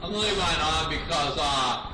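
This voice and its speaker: A man's voice: fairly high pitch, normal speed, close to an everyday voice. A man voicing a brash, trash-talking New York tough guy while playing a video game, with a put-on New York accent, laughing and mocking his rivals. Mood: gloating. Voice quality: laughs a lot, calls rivals mooks and goombas. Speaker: gamer. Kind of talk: trash talk over game voice chat. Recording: echoey, distant mic, clear noise.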